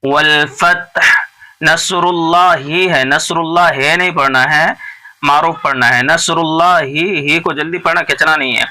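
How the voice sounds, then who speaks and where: A man teaching how to recite the Quran, going through each letter step by step. His voice is bright and cutting, and it sits a little high. He speaks slowly and patiently, repeating each word. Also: fairly even intonation, poor audio. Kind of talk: tajweed lesson, explaining rules between slow recited verses.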